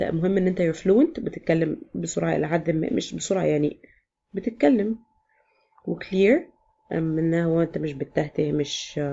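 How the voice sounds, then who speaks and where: Gravelly Egyptian woman explaining casually. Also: low voice, dark tone, lo-fi sound. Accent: Egyptian Arabic. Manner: chatty, code-switches into English. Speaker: exam prep teacher. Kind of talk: casual explanatory vlog lesson.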